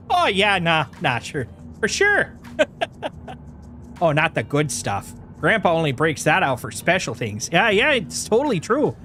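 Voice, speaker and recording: A Wisconsin game streamer with a fairly high, slightly nasal voice chats casually on his live stream, playing up his Upper Midwest accent. He jokes, laughs often, and slips into exaggerated folksy exclamations, speaking slowly with frequent pauses over slight background noise.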